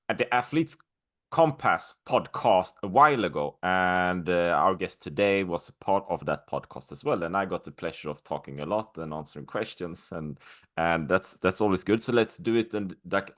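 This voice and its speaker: A man hosting a podcast, chatting casually and loosely with his guest. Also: on the low side. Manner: relaxed, chatty, restarts often. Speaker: podcast host.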